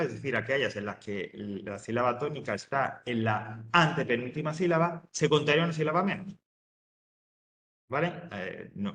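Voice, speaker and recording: A man's voice: medium pitch, fairly bright tone, reverberant. A man teaching a lesson to students, explaining step by step, often checking in and restarting his sentences. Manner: explanatory, checks with "¿vale?", many fillers and restarts. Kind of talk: lecture to students.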